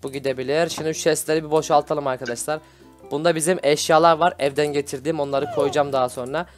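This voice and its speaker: A man hosting a Minecraft role-play video, excitable and scolding with loud exclamations. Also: fairly high pitch, fast talker, faint music behind. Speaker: gaming video host.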